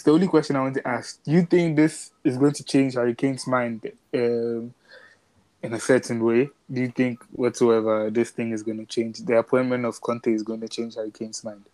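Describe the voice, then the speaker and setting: A man talking football in a relaxed, chatty way, now and then laughing at his own stories. His voice sits in the middle of the range, and it is recorded close and dry with no room sound. He has the easy manner of a podcast co-host. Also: mid-range voice, no room sound, low-quality recording. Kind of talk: casual football chat.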